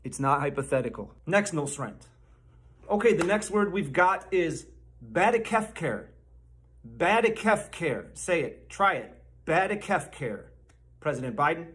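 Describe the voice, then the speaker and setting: A man hosting a comedy channel, sarcastically teaching mock words and drawing them out slowly. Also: on the high side, lively intonation, a bit bright. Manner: sarcastic, slow over-enunciation. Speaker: channel host. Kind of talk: mock-lesson commentary.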